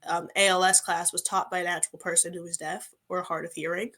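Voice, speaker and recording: Chatty young woman host, lowish voice. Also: a little fast. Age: 20s. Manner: chatty, frequent "like" fillers, lively when quoting others. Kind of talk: casual interview chat.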